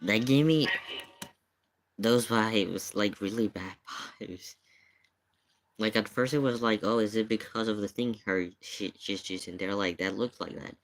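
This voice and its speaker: A streamer reacting to a paranormal investigation video offers casual live commentary, speaking emphatically, asking questions, and often repeating his points. His voice is lowish and his pace measured.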